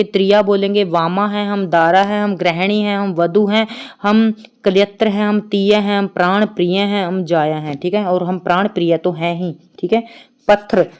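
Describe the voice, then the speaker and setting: A young adult woman teaching an online exam-prep grammar class, chatty, listing words in quick runs and checking in with her students often. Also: mid-range voice, a little mellow, clear, resonant tone. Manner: chatty, repeats "ठीक है" often. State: tired.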